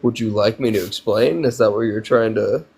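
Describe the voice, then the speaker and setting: A man's voice: on the low side, normal speed, creaky, darkish tone, breathy edge. Dry-toned man in his twenties. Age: 20s. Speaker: guest caller on a live stream. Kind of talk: casual debate chat.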